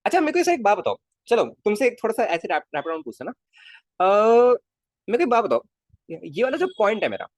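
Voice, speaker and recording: A man teaching physics in a laid-back live online lecture prods his students with question after question, addressing them as kids. He races along in a high voice with wildly swooping pitch, captured in clean, dry studio sound.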